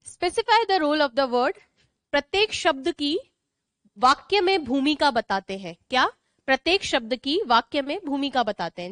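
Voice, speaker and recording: Indian-accented woman teacher, high voice, asks the class questions and repeats key points, dry close mic. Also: a bit bright, no room sound. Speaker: English grammar teacher. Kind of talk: online class lecture.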